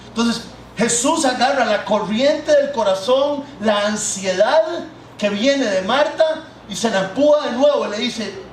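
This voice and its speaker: A man's voice: high-pitched, distant mic, slight background noise. A man, preaching a sermon and talking directly to the congregation. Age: 30s. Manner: conversational, addresses the congregation directly. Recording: echoey hall, mic set back.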